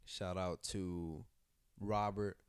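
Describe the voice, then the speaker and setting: A man hosting a podcast, chatting casually and profanely while giving shout-outs close to the mic. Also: low voice, fairly even intonation, smooth, no room sound. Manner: profane, laid-back, drawn-out shout-outs. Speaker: podcast host.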